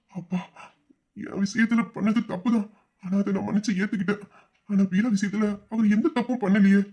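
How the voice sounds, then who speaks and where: A devoted young elder brother from an audio story, voiced by a man. His voice sits high for a man, yet he speaks softly and earnestly, often dropping low and quiet. He sounds protective and caring. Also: highs cut off. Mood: worried. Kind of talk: emotional audio-drama acting.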